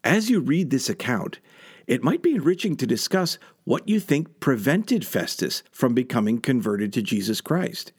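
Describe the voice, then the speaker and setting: An earnest man leads a scripture lesson at an ordinary pitch. His voice moves a lot as he poses questions and explains each verse. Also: big pitch swings, moderate pace, husky. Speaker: scripture study teacher.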